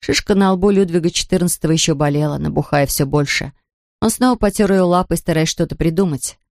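A woman narrating a children's storybook in an expressive, even reading. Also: fairly low pitch, fast talker, no room sound, studio quality. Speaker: audiobook narrator.

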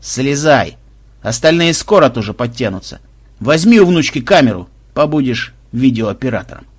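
A man voicing a calm, wry male gamer teammate with a dry, sighing delivery in an audiobook. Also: medium pitch, normal speed, husky. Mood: commanding.

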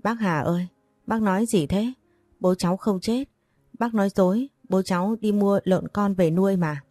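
A woman's voice: mid-range voice, steady tone, moderate pace, warm tone, no echo, studio quality, natural voice. A woman voicing a grieving ten-year-old girl who pleads through tears in a storybook reading. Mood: tearful denial. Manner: tearful, pleading.

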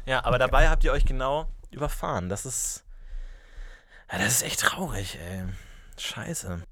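A man's voice: mid-range voice, animated, moderate pace, sharp tone, no room sound, studio quality. A man co-hosting a podcast in casual banter, teasing and joking with his guest. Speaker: co-host.

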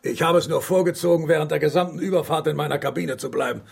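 An actor in a German radio drama playing a pompous, domineering professor with a gravelly, raspy voice and a sarcastic, imperious manner. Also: male voice, fairly high pitch, quick pace, heavily acted. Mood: smug, imperious.

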